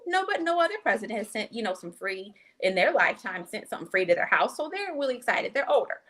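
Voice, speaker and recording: A young adult woman, a physician guest on a podcast, telling an animated story and acting out the people she quotes. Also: mid-range voice, quick pace. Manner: acts out quoted people in exaggerated voices. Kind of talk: animated storytelling in casual conversation.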